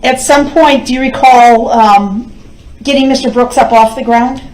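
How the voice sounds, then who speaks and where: A woman questioning a witness as a prosecutor in court, formal and deliberate. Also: on the high side, a little mellow. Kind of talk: courtroom examination. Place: indoors in a courtroom. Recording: echoey courtroom microphone.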